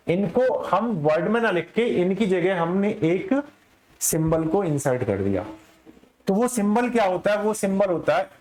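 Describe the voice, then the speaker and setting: Male maths teacher, high-pitched, lecturing to a class in an echoey room; explains step by step, answers his own questions. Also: darkish tone.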